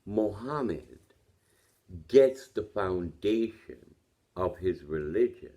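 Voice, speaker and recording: A man's voice: deep voice, lively intonation, extremely slow. A man with a Jamaican accent speaking without teeth, lips folding over his gums, musing and opinionated in an informal monologue full of rhetorical questions. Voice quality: toothless speech, lips folding over gums, soft consonants.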